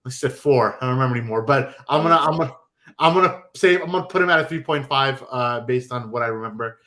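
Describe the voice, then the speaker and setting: A man hosting a podcast and chatting casually, animated and quick, with many restarts. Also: medium pitch. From New York. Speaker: podcast host. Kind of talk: casual chat.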